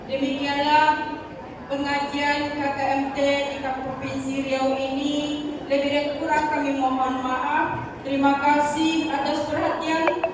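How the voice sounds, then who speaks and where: High-voiced woman closing the event. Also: level tone. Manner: measured, formal. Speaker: emcee. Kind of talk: formal closing announcement. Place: mosque. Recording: echoey hall from far off, noise.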